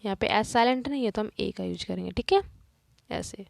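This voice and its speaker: A woman's voice: mid-range voice, brisk, gravelly, no echo. A woman teacher working through a grammar lesson, explaining each answer step by step and asking and answering her own questions.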